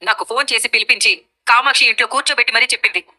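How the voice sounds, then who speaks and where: A woman's voice: on the high side, racing, sharp tone, low-quality recording. Scheming mother-in-law. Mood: scornful. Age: middle-aged. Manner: sarcastic, scornful. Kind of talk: TV serial acting.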